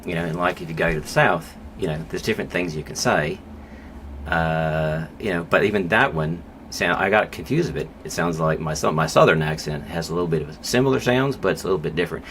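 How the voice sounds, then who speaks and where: A man speaking as a psychologist guest on a podcast interview, thoughtful and measured, with pauses and fillers. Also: sits low, fairly bright tone, rough recording. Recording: clear background noise.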